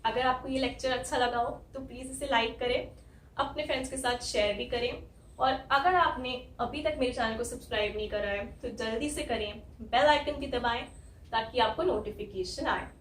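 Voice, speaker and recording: High-voiced woman teaching in an echoey room. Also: a bit bright, slight background noise. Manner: slow, explanatory, spells out sounds. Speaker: English teacher. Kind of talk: spoken language lesson. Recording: echoey room, from some distance.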